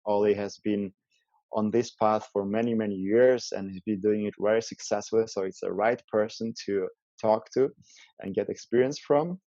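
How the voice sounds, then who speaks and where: Low, mellow, hesitant male host. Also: fairly even intonation, moderate pace, no room sound, muffled recording. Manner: hesitant, many fillers. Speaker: interview host. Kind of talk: casual interview talk.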